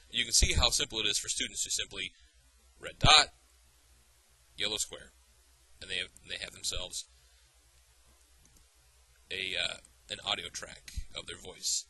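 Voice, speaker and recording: A man teaching a software tutorial, explaining patiently step by step with small fillers and restarts. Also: mid-range voice, poor audio. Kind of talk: screencast tutorial.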